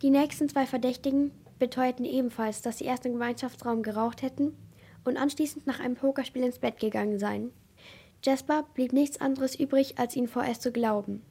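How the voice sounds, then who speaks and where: Woman narrator, steady audiobook reading, somewhat high voice. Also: husky. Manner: steady, measured storytelling.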